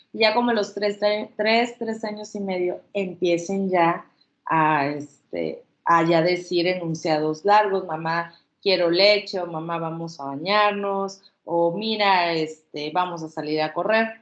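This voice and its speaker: A woman's voice: on the low side, darkish tone. A woman giving an informal workshop talk, reassuring her listeners and acting out baby sounds as examples. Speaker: child language workshop presenter. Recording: echoey room, slightly dull audio.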